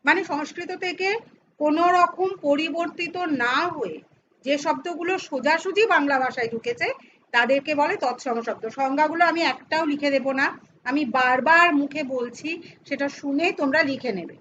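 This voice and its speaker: High-pitched woman teacher, middle-aged, explains step by step, muffled recording, faint background noise. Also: normal speed, fairly bright tone. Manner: explains step by step, asks and answers her own questions; addresses students informally, teasing aside. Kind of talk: classroom grammar lesson.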